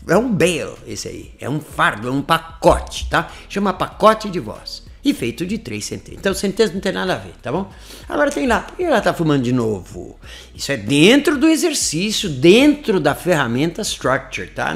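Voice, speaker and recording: Brief: animated male Brazilian teacher, gravelly voice, swings between bright talk and hushed demos, faint music behind. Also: a little high. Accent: Brazilian Portuguese. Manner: animated and lively, often dropping into a hushed voice to demonstrate. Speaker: English teacher. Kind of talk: informal online lesson.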